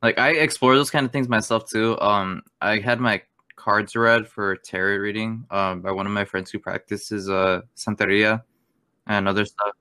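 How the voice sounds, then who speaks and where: Guy in his 20s from spain, lowish voice, chill swear-y chat, super dry sound. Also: fairly even intonation, moderate pace, bright, forceful tone, clean tone, no room sound. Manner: loose, swears and laughs often. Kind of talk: casual chat.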